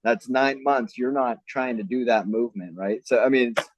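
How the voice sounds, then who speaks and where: A man who works as a mobility trainer gives casual, explanatory interview answers, loose and conversational and peppered with "I mean" and "right?". His voice sits in the mid range at a moderate pace, with no room sound, and the recording has a dull lo-fi quality.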